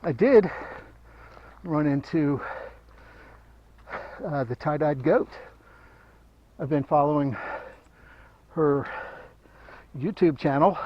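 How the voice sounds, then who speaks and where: A man's voice: fairly high pitch, dull audio. A man vlogging outdoors on a mountain trail, chatting casually with many fillers, out of breath from hiking. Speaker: hiker vlogger. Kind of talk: casual vlog while hiking. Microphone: handheld camera.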